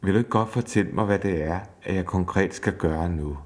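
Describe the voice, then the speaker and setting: A patient husband who answers his angry wife in a calm, soothing way and keeps asking what she wants, as a man reads his part. The voice is deep and measured. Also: natural voice. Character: patient husband calmly trying to listen.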